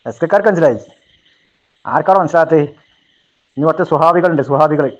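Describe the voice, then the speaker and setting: A man's voice: fairly high pitch, fast. A man giving a heated rebuttal talk, combative and taunting, firing off rhetorical questions. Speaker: religious speaker answering a rival. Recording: dull lo-fi recording.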